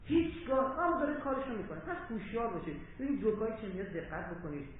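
A man giving an impassioned public lecture in a hall, swinging between loud urging and low asides. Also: expressive. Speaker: religious lecturer. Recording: very echoey hall, tinny phone-like sound, faint hiss.

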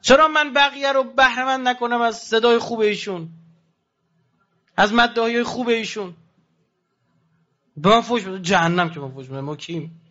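A man's voice: sharp tone, muffled recording. A man preaching a passionate sermon to pilgrims, asking rhetorical questions and swinging his voice sharply up and down. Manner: impassioned, rhetorical questions, sudden rises and drops in pitch.

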